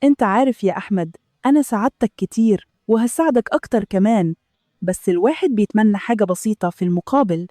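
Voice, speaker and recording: A woman voicing a scheming middle-aged male business partner with an Egyptian accent, calm and persuasive, in a storybook reading. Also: mid-range voice, fast talker, no room sound, studio quality, close to an everyday voice. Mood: insinuating. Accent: Egyptian Arabic.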